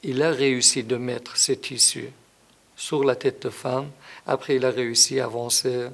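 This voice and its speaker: A middle-aged Iranian man, an association president and native Persian speaker with a Persian accent, answers interview questions. His medium-pitched, creaky, slightly bright voice starts flat at a normal speed, hesitant with many fillers, then grows emphatic.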